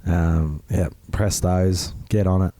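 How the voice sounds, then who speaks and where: Man, podcast co-host, grating hoarse voice, deep pitch, dark tone, dry close sound. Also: fairly even intonation, slow, no echo. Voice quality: grating, rough. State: hoarse, strained voice from losing it. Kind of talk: casual chat.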